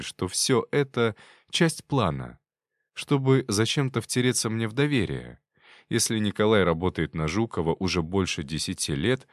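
Brief: male audiobook narrator, low voice, very lively inflection, measured and wry delivery. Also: no echo, studio quality. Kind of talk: first-person audiobook narration.

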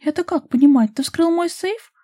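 A woman voicing a playful, teasing young woman in love, speaking high and loud in an audiobook. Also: fairly quick, dry recording, studio quality, natural voice. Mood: indignant.

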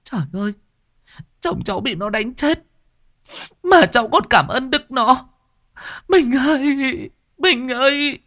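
A man voicing a desperate young widowed mother who pleads tearfully in a high, wailing voice, in a spoken ghost story. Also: animated, normal speed, gravelly, long pauses, a bit bright, dry recording, clean studio sound, exaggerated voice.

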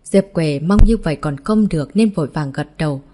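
A woman reading a martial arts novel aloud in a steady narration voice, voicing every character in the same plain tone. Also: sits low, fairly quick, slight background noise. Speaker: audiobook narrator.

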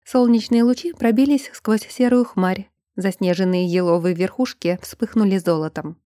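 A woman reading an audiobook in an even, measured narrating manner. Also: mid-range voice, no room sound, studio quality. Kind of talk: scripted narration.

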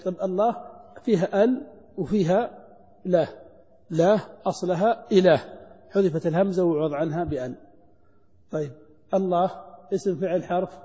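A man's voice: high-pitched, dark tone. A middle-aged man teaching an Arabic grammar class, quizzing students and drilling their answers. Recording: dull lo-fi lecture recording in a hall.

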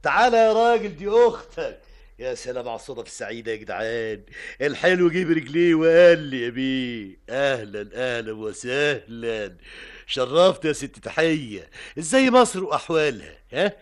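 An actor with an Egyptian accent playing a menacing middle-aged gang boss who barks orders and mocks with threats, in a 1950s-style radio drama. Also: male voice, mid-range voice, expressive, brisk, lightly acted. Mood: smooth. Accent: Egyptian Arabic. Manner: barking orders, teasing threats.

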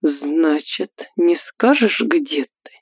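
A woman's voice: deep voice, lively intonation, slow pace, breathy edge, dry recording, voice pushed down, exaggerated voice. Woman voicing a controlling, menacing young man. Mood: coaxing. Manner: commanding and menacing, turns coaxing. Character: controlling, selfish young man, threatening lover.

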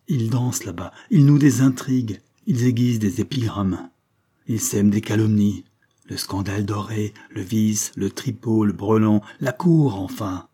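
A man voicing an honorable young viscount who speaks earnestly and firmly, with a husky, mellow voice. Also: fairly low pitch. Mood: troubled, urgent.

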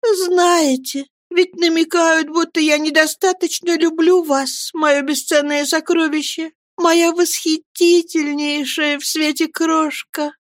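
High, shrill young mother, weepy and excitable, pleading; dry close read. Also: slow pace, few pauses, no echo. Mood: tender. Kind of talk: audiobook character voice.

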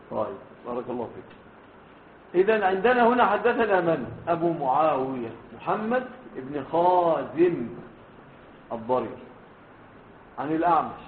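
A man with an Egyptian Arabic accent teaching a hadith lesson, spelling out letters slowly and often checking whether his students are following. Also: mid-range voice, a little hiss or hum. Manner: checks on students with frequent questions. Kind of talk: classroom hadith lecture. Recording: echoey room over a tinny phone-like line.

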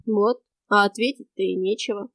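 A woman voicing a weary male stranger spirit in the afterworld, with a quiet, cracked voice and a flat, indifferent manner. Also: mid-range voice, moderate pace, no room sound, natural voice.

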